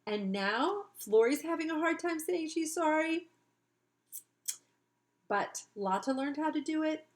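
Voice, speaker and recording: A woman's voice: high-pitched, expressive, unhurried, long pauses, low-quality recording. A woman teacher reading a children's book aloud, breaking off to explain things to her listeners in a chatty way.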